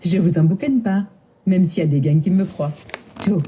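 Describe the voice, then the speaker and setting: A woman's voice: on the low side, moderate pace, dark tone, slight background noise, close to an everyday voice. A synthetic woman's voice playing a chirpy female voice assistant with a put-on Southern French accent and playful regional slang. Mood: cheerful.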